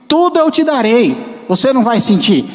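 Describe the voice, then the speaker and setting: A man's voice: very high voice, big pitch swings, moderate pace. A man with a Brazilian accent voicing God making promises to his people during a sermon. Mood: promising. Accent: Brazilian Portuguese. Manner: promising, reassuring. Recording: long church-hall reverb.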